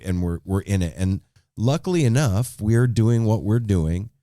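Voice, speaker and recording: A podcast host talks earnestly and emphatically in a casual conversation, repeating words as he builds toward his point. His fairly low, mellow voice is animated and moves at normal speed, recorded studio-clean with no room sound.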